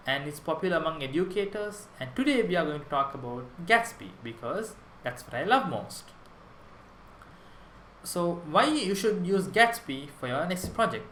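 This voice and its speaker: A man's voice: a little high, a bit bright, reverberant, slight background noise, rough recording. A young man from Sri Lanka giving a prerecorded conference talk on web development, enthusiastic and explanatory, with small restarts.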